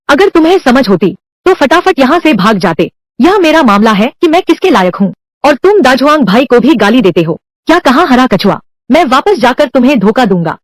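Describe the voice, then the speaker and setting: In a dry recording, a woman whose voice sits high works as a voice-over dubber, covering every character of a drama by herself. Men and women alike get the same unchanged reading voice.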